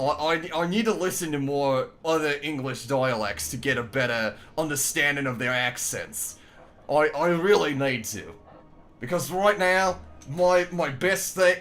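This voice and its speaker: A young man streams a game and chats casually, rambling, swearing, laughing a lot, and reading chat out loud. His voice is mid-range and fairly bright, with slight background noise. He playfully tries out a put-on accent.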